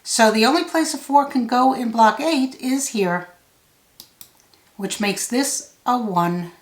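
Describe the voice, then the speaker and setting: A woman giving a solve-along tutorial, thinking out loud step by step in a measured way. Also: on the high side. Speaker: puzzle tutor. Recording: roomy, echoey sound.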